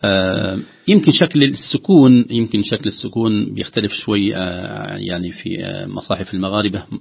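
A man teaching Quran recitation rules on a call-in lesson, explaining patiently with drawn-out filler pauses and slowly voicing words aloud to show how they sound. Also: low-pitched, flat delivery, creaky, slightly rough. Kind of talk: tajweed lesson on a call-in broadcast. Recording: dull lo-fi broadcast audio.

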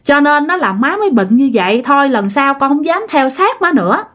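Brief: woman doing a devoted young male ghost, Southern Vietnamese, raised-pitch plea, storybook telling. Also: very animated, brisk, fairly bright tone. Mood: pleading. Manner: earnest, repetitive pleading.

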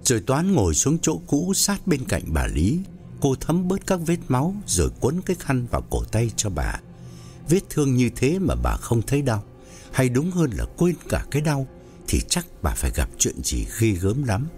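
A man narrating an audiobook story in a measured storytelling way. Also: huge pitch swings, a little mellow, faint music behind. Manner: measured storytelling with wide pitch swings.

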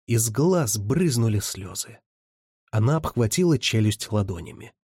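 A male audiobook narrator with a low, husky voice, reading in an even, measured manner. The sound is dry and close. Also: no room sound. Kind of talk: scripted narration.

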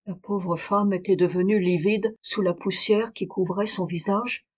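A woman reads a detective story aloud in an even, steady way. Her pitch sits in a middle range and her delivery is clear and unhurried. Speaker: audiobook reader. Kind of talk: audiobook narration.

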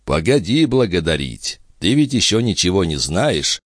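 A man's voice: low-pitched, very animated, normal speed, no echo, studio quality. A man voicing a worldly old duke who speaks with teasing, condescending irony. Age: older. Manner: ironic, condescending.

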